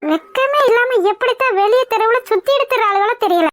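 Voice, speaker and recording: A nagging village gossip, voiced by a woman for a cartoon, speaks in a very high, shrill and scornful tone. She sounds close to the mic in a dry space. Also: fairly quick, fairly bright tone, no echo, faint music behind. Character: loud scolding village gossip woman, middle-aged. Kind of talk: cartoon voice acting.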